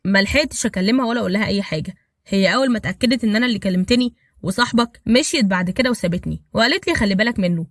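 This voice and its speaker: A woman doing a calm Egyptian fixer friend. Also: medium pitch, rapid-fire, no echo, clean studio sound, close to an everyday voice. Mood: reassuring. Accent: Egyptian Arabic. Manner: reassuring and calm. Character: loyal, level-headed male friend and fixer.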